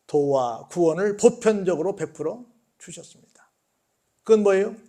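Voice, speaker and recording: High, lively Korean pastor preaching. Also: male voice. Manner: call-and-response questions to the congregation; animated, swings between loud bursts and hushed lines. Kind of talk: sermon. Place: church sanctuary.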